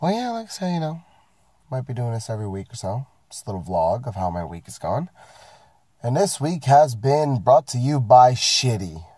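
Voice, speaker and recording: Sitting in his parked car, a man who's coming down with something vlogs a rambling, profane, self-deprecating rant to camera about his week at work. He speaks at a moderate pace with a medium pitch, a sing-song lilt and a darkish tone.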